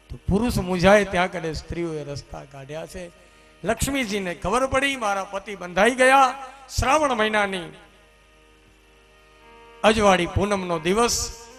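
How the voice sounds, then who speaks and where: A man preaching a religious story discourse, in an animated manner that rises to loud exclamations. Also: sits high. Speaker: katha preacher. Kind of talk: sermon storytelling.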